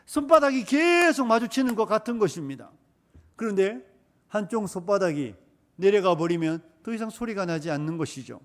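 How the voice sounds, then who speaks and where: A man's voice: high voice, animated, normal speed. A male pastor preaching a sermon, asking rhetorical questions and driving points home with repetition.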